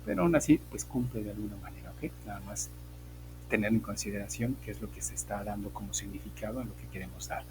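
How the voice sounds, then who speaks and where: A man's voice: on the low side, fast talker, music in the background, rough recording. A male English teacher, giving an online class and explaining grammar step by step, checking in with frequent "ok?". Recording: faint background hum.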